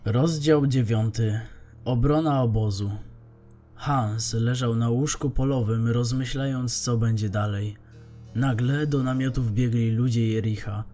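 A man narrating a dramatized post-apocalyptic audiobook with steady storytelling. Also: mid-range voice, a little slow, faint music behind.

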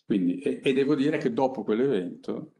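A middle-aged man presenting a project on a panel, speaking off the cuff in a halting, conversational way with frequent pauses. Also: medium pitch, expressive, dark tone, slight background noise. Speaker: company innovation director presenting a project. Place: conference room seated at a panel table. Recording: echoey conference room.

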